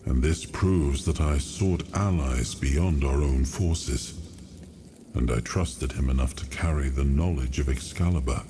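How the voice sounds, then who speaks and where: An actor playing a weary, resolute king in a video game, speaking gravely and deliberately. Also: rumbling low, background noise. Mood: reflective, somber. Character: weary, resolute king burdened by costly war. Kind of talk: dramatic video game acting. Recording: echoey hall, music behind.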